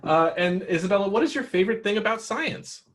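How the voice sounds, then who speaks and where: A man's voice: sits high, expressive, quick pace, fairly bright tone. Guy running a tabletop game for kids, patient and encouraging, explains every step. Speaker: game master. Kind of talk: narrating a tabletop game for children.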